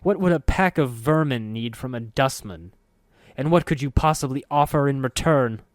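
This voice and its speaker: A man's voice: medium pitch, takes it slowly, a little mellow, clean tone, dry recording, clean studio sound. An actor playing a bitter, desperate man who talks in a strained, raised, emotional way. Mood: anguished.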